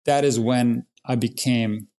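A man's voice: medium pitch, steady tone, slow, warm tone. Earnest man from Croatia, tennis coach. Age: 40s. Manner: earnest, storytelling, plain-spoken. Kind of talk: podcast interview.

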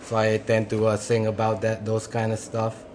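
A man's voice: on the low side, monotone, normal speed, darkish tone, slight background noise. A man who grew up in Singapore talks hesitantly about his lyrics in a casual interview. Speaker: band lyricist.

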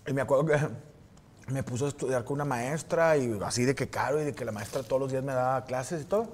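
Animated man telling stories. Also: medium pitch, fast talker, slight background noise. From Monterrey, Mexico. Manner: animated and profane, acting out other people's lines. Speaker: podcast host. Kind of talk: casual storytelling chat.

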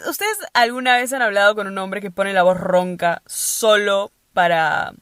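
A young woman hosting a podcast in a casual, playful monologue full of quick asides. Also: medium pitch, a bit bright, clean tone, dry recording. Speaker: podcast host.

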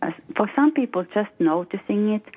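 A woman's voice: mid-range voice, expressive, brisk. Finnish-accented woman on a tinny line. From Finland. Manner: hesitant, many fillers and restarts. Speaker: guest financial coach. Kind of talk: casual interview talk.

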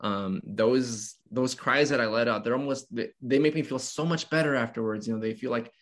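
A man in his twenties, a guest speaking earnestly and openly in a casual talk, pausing and restarting as he goes. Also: medium pitch. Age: 20s. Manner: earnest, open, halting with restarts. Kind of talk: casual conversation.

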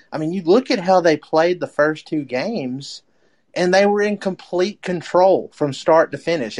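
Male podcast host, mid-pitched, rambling casual sports chat. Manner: rambling, many fillers and restarts.

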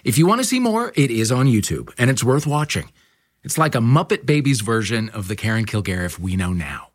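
A man's voice: medium pitch, very animated, a little fast. A man hosting a podcast, narrating scripted links in a wry, playful way. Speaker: podcast host.

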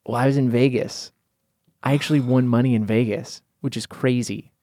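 A man in his twenties hosting a podcast, chatting casually in an animated, jokey way with plenty of laughter. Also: mid-range voice, normal speed, no echo, studio quality. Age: 20s. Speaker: podcast host.

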